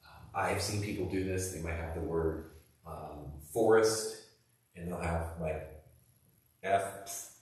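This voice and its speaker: Male teacher, low voice, loose chatty explaining, booming classroom echo. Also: a little slow, darkish tone. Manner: casual, rambling explanation with many fillers. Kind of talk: recorded classroom lesson. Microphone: camera across the room. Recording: echoey room, distant camera mic.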